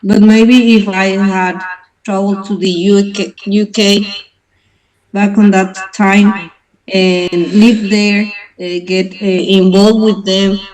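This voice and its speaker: Slow, halting Mexican Spanish-accented woman. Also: medium pitch, level tone, a little mellow, low-quality recording. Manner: hesitant, many fillers and restarts. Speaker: club member. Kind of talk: casual online conversation. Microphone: video call.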